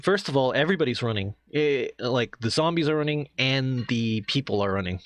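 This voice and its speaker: A man's voice: medium pitch, animated, fairly quick. A man narrating as game master, describing scenes in a loose, conversational way with many restarts.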